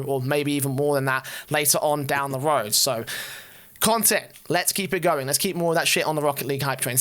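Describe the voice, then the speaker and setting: A man's voice: a little high, fairly bright tone. A man in his twenties or thirties co-hosting a casual esports podcast, swearing freely and talking with enthusiasm. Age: 20s or 30s. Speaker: podcast co-host.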